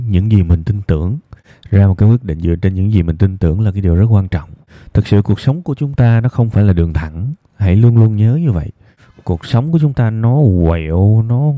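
A man with a southern Vietnamese accent hosting an evening advice programme, talking reflectively to listeners in a subdued, unhurried, deliberately low tone. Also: dry recording. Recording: thin, phone-like band-limited sound.

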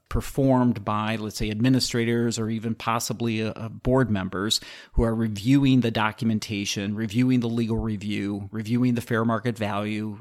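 A man hosting a solo podcast, explaining healthcare law in a methodical, explanatory way with occasional restarts. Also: on the low side. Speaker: podcast host, healthcare attorney.

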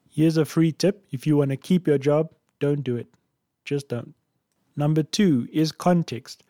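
A man's voice: on the high side, warm tone, no room sound, studio quality. A man hosting a writing podcast, reading a script with playful, jokey asides. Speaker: podcast host.

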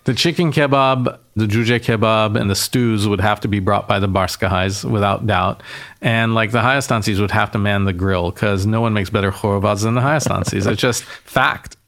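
A mayor who grew up in Boston and Yerevan talks passionately and at length as a guest in a casual interview conversation, explaining things in detail. His lowish, fairly bright voice holds a steady tone at a moderate pace.

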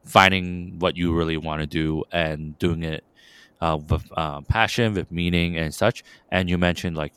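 A man's voice: low-pitched, fairly bright tone, smooth, no room sound. A man hosting an interview, asking long rambling questions full of fillers. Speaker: interview host. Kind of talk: podcast interview.

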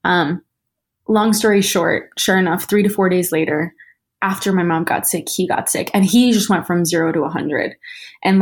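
A young woman tells a candid personal story in a chatty way. She fills her speech with "like" and acts out her family members' lines. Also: fairly low pitch. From New York. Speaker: guest sharing a personal story.

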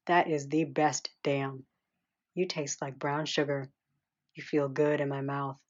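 Woman voicing a low, easygoing man. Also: flat delivery, a little slow. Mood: murmuring. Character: relaxed adult man, easygoing and affectionate. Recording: slightly dull lo-fi sound.

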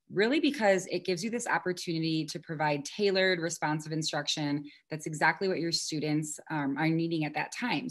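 A woman's voice: low voice, a bit bright. A woman guest on a podcast interview, earnest and articulate, explaining her views with occasional ums. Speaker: podcast guest, instructional coach. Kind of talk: conversational interview.

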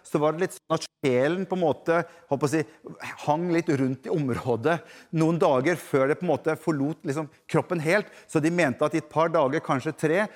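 A man preaching a sermon who addresses the congregation directly, swinging between loud emphasis and hushed passages. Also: a little high.

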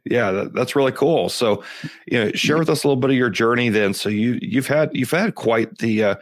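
A man's voice: mid-range voice, a little fast. A man hosting a business podcast, reading an upbeat intro and then chatting, often repeating his words. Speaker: podcast host. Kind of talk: scripted intro then casual interview.

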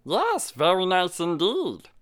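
A woman playing a stiff, touchy alien prince with a slow, swooping voice. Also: on the low side, wildly swooping pitch, slight background noise, full character voice. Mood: grateful. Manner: formal, stiff, easily offended. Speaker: guest on an advice show.

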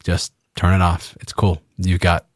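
Male podcast co-host, lowish voice, dry close mic, rambling jokey delivery. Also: monotone, unhurried, no room sound. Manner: rambling, joking, swears freely. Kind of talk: casual chat.

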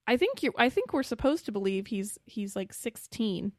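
A woman's voice: on the high side, sing-song, moderate pace, darkish tone, no room sound, clean studio sound. A woman co-hosting a casual podcast, chatting about a film in a wry, rambling way. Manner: chatty, wry, trails off and restarts. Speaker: podcast co-host. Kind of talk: casual film discussion chat.

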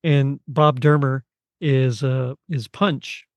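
A man talking as a podcast guest in a casual chat, chatty and quick to laugh. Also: mid-range voice, fairly even intonation, darkish tone, no echo.

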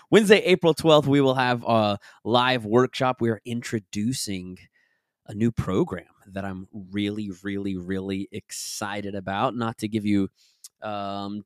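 A man hosting a podcast and coaching his listeners, chatty and upbeat, his voice raspy as he recovers from being sick. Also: on the low side, no echo, clean studio sound. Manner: upbeat and enthusiastic; chatty and rambling. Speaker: podcast host and business coach. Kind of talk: casual podcast talk and reading from his own book.

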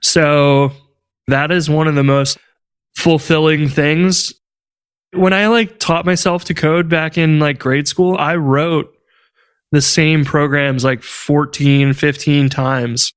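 Smooth-voiced man, animated podcast co-host. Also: on the high side, takes it slowly. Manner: animated, exasperated storytelling. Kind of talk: casual tech chat.

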